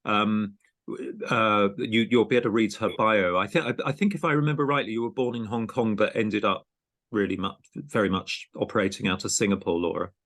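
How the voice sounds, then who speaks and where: A man's voice: lowish voice, fairly even intonation, fairly quick, a bit bright. A man hosting an interview podcast, speaking in a hesitant, conversational way with frequent ums and restarts. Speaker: podcast host and programme director.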